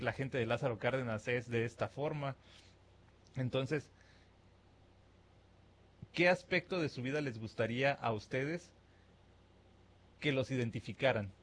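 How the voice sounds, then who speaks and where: A mid-range male voice with a Mexican Spanish accent belongs to a podcast host from Mexico who speaks into a studio mic in a radio-style format. His reflective monologue is conversational, with imagined dialogues he performs using plenty of fillers.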